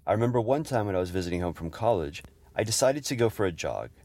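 A middle-aged man fondly narrating humorous family memories in a gentle storytelling manner. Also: on the low side, lively intonation, fast talker, no echo. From Houston, Texas area. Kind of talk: personal memoir narration.

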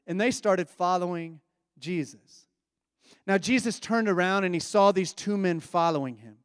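A man's voice: high-pitched, no echo, studio quality. A man preaching a reflective, conversational sermon.

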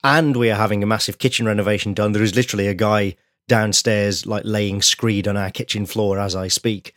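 A man's voice: lowish voice, fairly even intonation, a little fast, a bit bright, no echo, studio quality. A man co-hosting a podcast in casual chat, sounding nasal and stuffed up with a cold. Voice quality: nasal, congested. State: ill with a cold. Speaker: podcast co-host.

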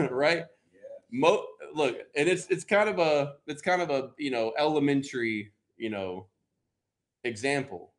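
An American man preaching a sermon in a booming motivational style, emphatic and conversational, with dramatic pauses. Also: expressive.

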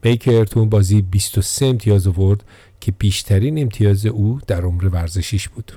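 A man narrating a sports biography as a steady, scripted storyteller. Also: on the low side, slight background noise.

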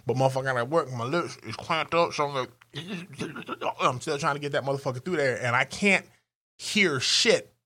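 A man cohosting a podcast, telling raunchy stories in a profane, animated way and acting out voices. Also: mid-range voice, fairly quick. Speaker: podcast co-host. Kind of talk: raunchy comedic banter.

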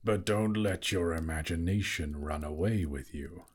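A man voicing a slow, sly, sneering male dragon in a storybook reading, drawing out each word with mocking menace. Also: low voice, husky.

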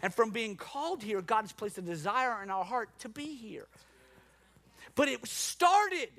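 A man's voice: sits high, expressive, unhurried, a bit bright. A man from New Orleans preaching a sermon as a pastor, with rhetorical questions and repetition. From New Orleans, USA.

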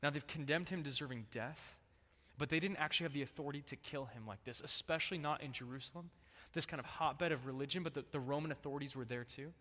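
A man preaching a sermon to a congregation. He talks in a relaxed, chatty way and jumps into animated voices when he quotes people. His voice rings out with a long hall reverb. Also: on the high side, fast talker. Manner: casual, conversational preaching with lively acted-out quotes. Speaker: pastor.

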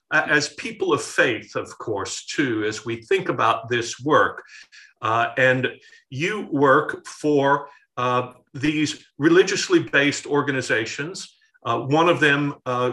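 Bright-voiced male pastor hosting. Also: medium pitch. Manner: measured, with frequent fillers. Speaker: program host, pastor. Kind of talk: interview hosting.

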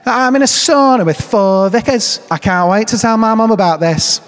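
A man's voice: high-pitched, lively intonation, moderate pace, long reverb tail, pitched above the performer's own voice. A man putting on a chatty, amazed woman from Liverpool with a Liverpudlian accent.

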